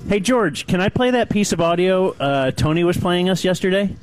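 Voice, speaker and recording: A man's voice: high voice, lively intonation, normal speed, smooth. A man hosting a radio show in casual banter, teasing and laughing often. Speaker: radio host.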